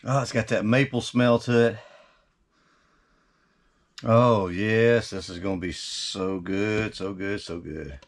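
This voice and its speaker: Guy doing a homey cooking vid, kinda low voice, chatty n folksy, mumbles along to himself. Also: steady tone, slow, long pauses. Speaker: cooking video host. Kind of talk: casual recipe demonstration.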